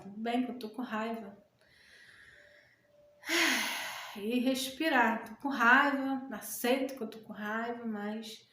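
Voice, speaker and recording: A woman coaching listeners through anxiety, talking gently and slowing down to repeat calming phrases. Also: on the high side. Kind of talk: guided breathing talk. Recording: echoey room with faint ambience.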